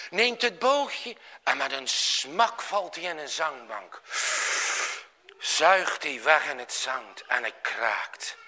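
A man telling a story with a high, bright voice that swoops up and down. He reads slowly and with drama, leaning hard into each tense moment. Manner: dramatic, expressive reading. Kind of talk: storytelling narration.

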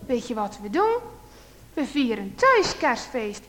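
A woman voicing a kind, careful father who gently reassures his son in a children's storybook reading. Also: fairly high pitch, big pitch swings, a little slow, voice pushed down. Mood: gentle. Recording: long hall reverb.

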